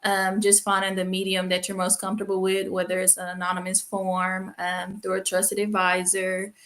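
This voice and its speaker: A woman graduate student on a video call panel, speaking thoughtfully with frequent pauses. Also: mid-range voice, monotone, a bit bright. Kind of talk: panel discussion.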